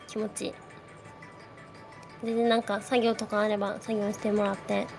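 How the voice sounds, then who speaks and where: A woman's voice: mid-range voice, level tone, normal speed, creaky, soft background music. A young woman hosting a live audio space, greeting listeners in casual chat, her voice shaky and nervous with frequent little laughs.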